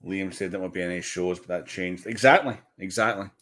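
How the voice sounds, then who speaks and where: Excitable low-voiced man chatting on stream. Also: brisk. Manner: excitable, swears casually, restarts sentences. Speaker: livestream host. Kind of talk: casual watch-party chat.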